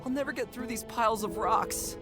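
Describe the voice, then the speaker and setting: A woman's voice: on the high side, fairly quick, lightly acted. A woman voicing a young adventurer heroine in a game, talking to herself with wry asides. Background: game music.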